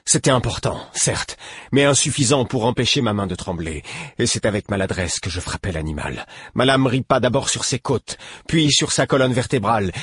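A man narrating a first-person adventure audiobook in a measured, gravely intense reading voice. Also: on the low side, fairly bright tone, dry recording, clean studio sound.

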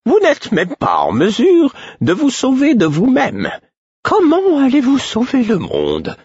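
A sharp-tongued old woman healer scolds from an audiobook, voiced by a male narrator. Her voice sits high and leaps all over the place, with a husky edge. The recording is dry and a little dull. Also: wildly swooping pitch, slow pace, no echo, heavily acted. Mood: scornful. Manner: scolding, fretful. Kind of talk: audiobook character voice.

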